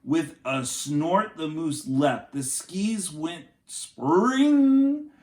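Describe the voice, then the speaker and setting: A man reading a picture book aloud to young children like a teacher, in an expressive, dramatic way with chatty asides. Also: on the high side, extremely slow, reverberant.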